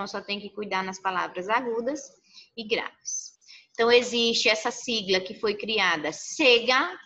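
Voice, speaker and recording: A woman's voice: fairly high pitch, pushed and bright. A woman teaching a recorded online lesson, explaining step by step and checking in with her students often. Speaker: Spanish teacher. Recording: muffled lo-fi audio.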